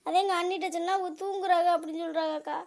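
Squeaky fast-talking cartoon daughter, wailing, accusing, monotone whine. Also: female voice. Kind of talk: cartoon comedy voice acting.

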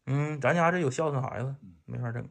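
A man's voice: mid-range voice, fairly quick, gravelly. A man with a Northeastern Mandarin accent bantering jokingly with his family in casual chat. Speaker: vlogger, husband and father.

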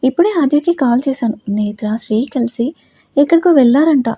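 A woman's voice: high voice, animated, a little fast, dark tone, breathy edge, no room sound, clean studio sound. A woman voicing a composed middle-aged woman who reassures a worried friend, in a storybook reading. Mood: reassuring. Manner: soothing, reassuring.

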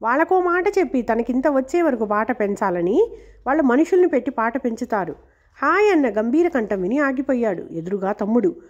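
A woman reading a novel aloud in a steady, expressive storytelling voice. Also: a little high, a little fast. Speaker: audiobook reader. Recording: dull lo-fi recording.

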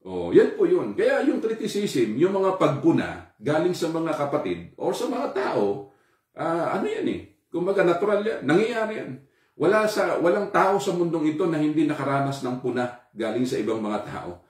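A man giving a sermon in a relaxed, conversational way, mixing Tagalog and English with frequent fillers. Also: fairly high pitch, moderate pace. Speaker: preacher. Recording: echoey room, from far off.

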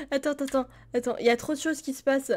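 Reacting to parody videos on a live stream, a young woman comments casually and rambles, full of fillers and often laughing. Her voice is high-pitched and a little mellow.

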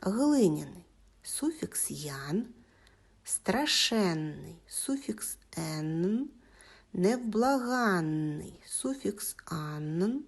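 A woman from Ukraine teaching a school language lesson, dictating words slowly and clearly and praising the class. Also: on the low side, very animated.

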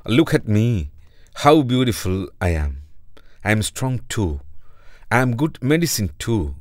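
A proud hibiscus brags and mocks its neighbours, as a man puts it on. The voice is low and dry. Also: very animated, a little slow, no echo. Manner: boastful, teasing. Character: proud, mocking hibiscus plant.

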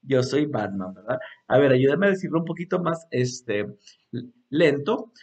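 Slow, lively male English teacher. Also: mid-range voice. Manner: drills English phrases slowly and repeats them, says "este" often. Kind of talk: slow, patient language lesson.

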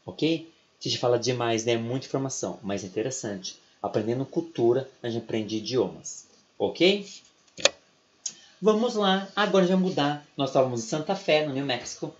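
A man's voice: medium pitch, animated, normal speed, highs cut off. Chatty Brazilian man teaching English online. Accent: Brazilian Portuguese. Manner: chatty, keeps adding "né?" and "ok?". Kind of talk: online class lecture.

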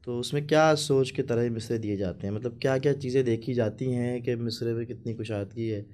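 A man at a middle male pitch hosts a relaxed podcast chat. He asks questions and keeps chiming in to agree with his guest. His delivery stays friendly and conversational. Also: a little fast, a little hiss or hum. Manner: agreeable interviewer, chiming in often with "exactly" and short affirmations. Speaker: podcast host.

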